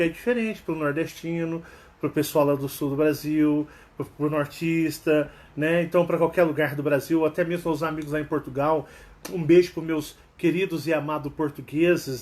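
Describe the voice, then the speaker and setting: Brazilian man with a Mineiro accent, high-pitched, rambling and chatty, acting out little dialogues as he talks. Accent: Mineiro, Minas Gerais. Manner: chatty, rambling, with frequent tag questions; acts out quoted dialogue animatedly. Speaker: channel host. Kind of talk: casual spoken monologue.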